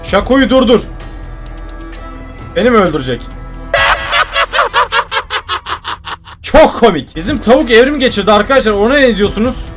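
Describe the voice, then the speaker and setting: Excitable man commenting on a video game. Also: high voice, rapid-fire, hardly any pauses, over music. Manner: excitable, joking banter with the audience. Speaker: gaming video host. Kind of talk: let's play commentary.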